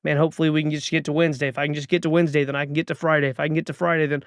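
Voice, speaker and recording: Thirties male podcast host; earnest motivational monologue, urging and repetitive; gravelly, dry close-mic. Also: fairly high pitch, flat delivery, racing, dry recording. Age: 30s.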